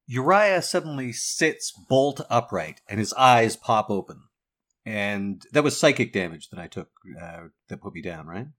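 A man's voice: lowish voice, lively intonation, unhurried, fairly bright tone. A man playing a tabletop game, narrating his character's actions and checking the rules as he goes.

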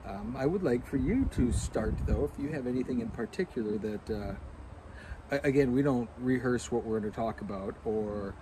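A man co-hosts a podcast outdoors in a backyard, chatting casually and explaining things like a storyteller, with clear background noise audible. He speaks at a medium pitch and a moderate pace.

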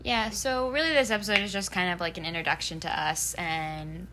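Woman co-host, bright, sharp tone, teasing chat. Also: on the low side, fairly even intonation, brisk, a little hiss or hum. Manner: teasing, laughing interjections. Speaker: podcast co-host. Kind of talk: casual chat.

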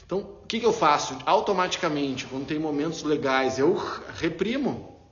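A man explaining ideas in a casual, animated way, acting out little inner dialogues as he talks. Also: a little high, normal speed. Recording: roomy, dull lo-fi sound.

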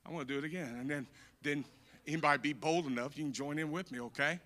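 A man preaching a sermon as pastor, repeating key phrases, rising to shouted peaks and dropping to quiet, conversational asides. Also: fairly high pitch, quick pace.

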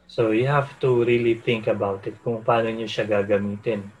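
A man's voice: on the low side, steady tone, normal speed, a little hiss or hum, low-quality recording. A man co-hosting a casual talk show, easygoing and slipping English phrases into his Tagalog. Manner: easygoing, mixes English into Tagalog, laughs often. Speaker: podcast co-host. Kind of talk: casual chat.

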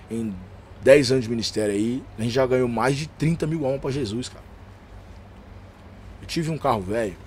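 A man with a São Paulo accent, a gospel rapper and preacher telling stories as a podcast guest, slangy and animated, acting out the dialogue. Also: medium pitch, slight background noise. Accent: São Paulo Portuguese. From São Paulo, Brazil. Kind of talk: casual storytelling chat.

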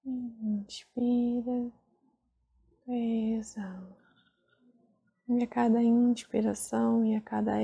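A woman guiding a relaxation meditation, speaking very slowly and softly, often dropping into a whisper. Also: a little high. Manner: very slow, soft, breathy, drifting into whispers. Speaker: meditation guide.

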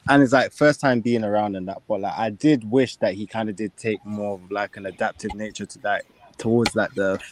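A man's voice: lowish voice, fairly even intonation, a little fast, a little hiss or hum. A man with a London accent chatting casually as a football fan, slangy and peppering his talk with "like". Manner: slangy, filler-heavy with frequent "like". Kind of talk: casual chat.

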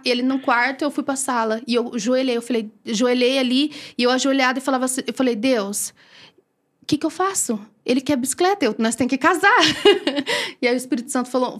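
A Brazilian woman telling a personal faith story as a podcast guest, animated and acting out quoted dialogue. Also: high voice. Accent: Brazilian Portuguese.

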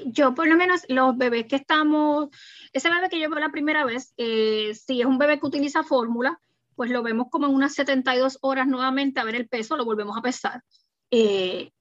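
A woman pediatrician, calmly explaining routine baby checkups in a practical, reassuring manner and acting out parents' questions. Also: high-pitched, no room sound, dull audio. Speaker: pediatrician guest. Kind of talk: explanatory podcast interview.

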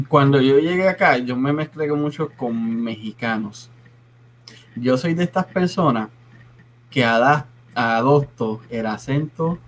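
A man hosting a casual conversation, talking in a lively, joking way and laughing often. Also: mid-range voice, slight background noise. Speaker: host.

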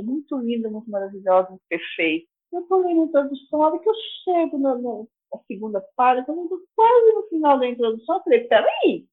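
A woman's voice: fairly high pitch, slightly rough. A Brazilian Portuguese-speaking woman hosting a podcast, telling chatty stories and exclaiming to her listeners. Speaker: podcast host. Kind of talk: casual storytelling monologue. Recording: tinny phone-like audio.

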